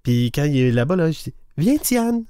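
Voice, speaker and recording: A man's voice: medium pitch, fast, warm tone, clear, resonant tone. A man with a Quebec French accent co-hosting a casual quiz podcast, making up playful puns to remember answers. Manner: playful, punning mnemonics. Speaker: podcast co-host.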